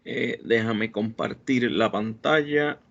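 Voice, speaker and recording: A man's voice: mid-range voice, slow pace, vocal fry, fairly bright tone. Hesitant man on a video call. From Puerto Rico. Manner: hesitant, many fillers and restarts. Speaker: database administrator giving a talk. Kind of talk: online technical presentation. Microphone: computer mic on a video call. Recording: dull lo-fi video call audio.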